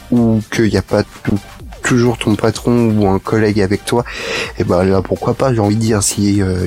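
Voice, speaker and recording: A man's voice: lowish voice, a little mellow. A man hosting a casual radio chat show, talking in a hesitant way with many fillers and restarts.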